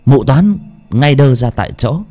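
A man's voice: a little slow, faint music behind. A man narrating a horror story in a dramatic storytelling style. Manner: expressive, sweeping pitch.

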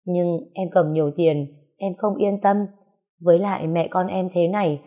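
A woman's voice: on the low side, steady tone, normal speed, phone-quality sound, natural voice. A woman reading a story aloud, voicing a shy, anxious young woman who talks hesitantly. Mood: worried. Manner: hesitant, soft, stammering.

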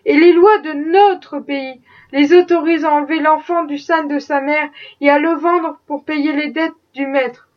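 A woman's voice: sits high, steady tone, a little slow, recorded from a distance, muffled recording. A woman voicing a desperate young enslaved man fleeing to freedom, with impassioned, defiant pleading. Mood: earnest.

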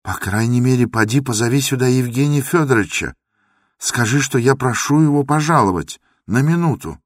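An actor plays a timid aging male doctor, trembling and pleading in a husky, lowish voice. It is a radio drama recorded close and dry. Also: expressive, unhurried, no echo. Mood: agitated. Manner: pleading, shaky.

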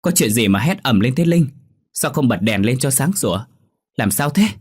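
A man's voice: fairly low pitch, expressive, moderate pace. A man voicing a fretful old grandmother. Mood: alarmed. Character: older woman, worried grandmother.

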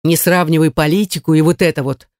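A reader voicing an angry, domineering young politician who talks in a curt, scornful way. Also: male voice, on the high side, fairly even intonation, fast talker, no room sound, clean studio sound, natural voice.

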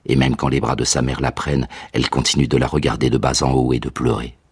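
An actor playing a grieving old male tutor who recalls the war in a slow, hushed, grave monologue for a radio drama. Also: a bass voice, flat delivery, breathy edge, dry recording, studio quality, heavily acted. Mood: mournful. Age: older. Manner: slow, hushed, grave delivery with whispered phrases. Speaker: narrator of a radio reading.

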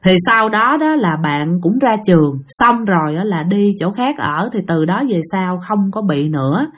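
A woman's voice: mid-range voice, lively intonation, moderate pace. A woman with a Southern Vietnamese accent and a slight cough, hosting a ghost story channel and telling stories in a casual, chatty way that often speaks straight to her listeners. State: has a cough.

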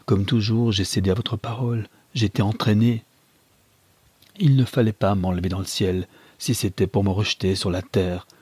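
A man's voice: fairly low pitch, fairly even intonation, moderate pace, a little mellow, slightly rough, no echo. A man voicing an ardent young lover who pleads with impassioned reproach.

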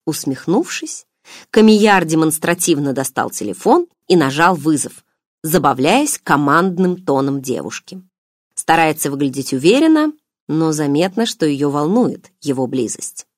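Female audiobook narrator, measured and even, slightly low voice, dry recording. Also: dry recording.

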